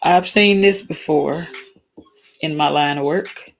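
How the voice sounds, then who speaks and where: A woman's voice: deep voice, takes it slowly, vocal fry, faint music behind. A tired woman with a slightly worn voice hosts a casual solo talk. She speaks earnestly, halts and restarts, and reads definitions aloud. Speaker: talk stream host.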